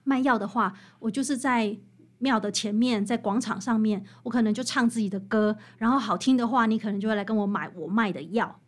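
A woman with a fairly high voice and a Taiwanese Mandarin accent is interviewed as an author and researcher of old songs. She explains things conversationally and with animation at a fairly quick pace, building her account through vivid examples.

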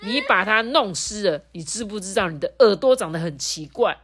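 A woman's voice: medium pitch, very animated, normal speed, a bit bright, a little hiss or hum. A woman voicing a rude, hungry male elephant bully who sneers and snorts as he talks. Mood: sneering.

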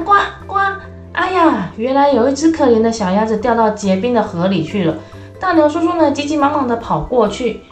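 A woman telling a bedtime-style story to children in a lively voice, speaking to them directly. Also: medium pitch. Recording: echoey room with faint music.

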